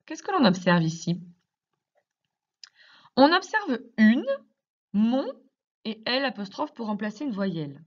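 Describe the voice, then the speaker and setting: Slow, careful woman teacher. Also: a little high, big pitch swings, muffled recording. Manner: slow, careful teacher talk with many questions. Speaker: primary school teacher. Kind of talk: recorded grammar lesson for young children.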